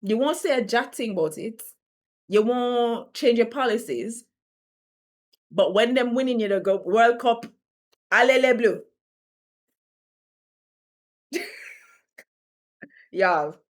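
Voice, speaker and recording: A woman from the Caribbean talking candidly to camera in a reflective vlog, animated and laughing between her thoughts. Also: mid-range voice. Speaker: vlogger.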